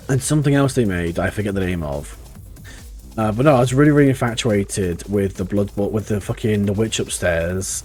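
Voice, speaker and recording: A man's voice: mid-range voice, a little mellow. A man streaming a game live, chatting casually and rambling, swearing freely with lots of restarts. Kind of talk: casual live-stream chat while gaming. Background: faint game music.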